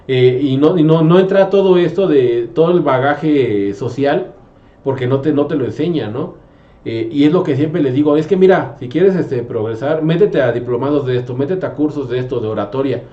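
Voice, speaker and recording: A man's voice: mid-range voice, mellow. A man, a math teacher hosting a casual conversation, rambling with many fillers and restarts. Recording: roomy, slightly dull sound.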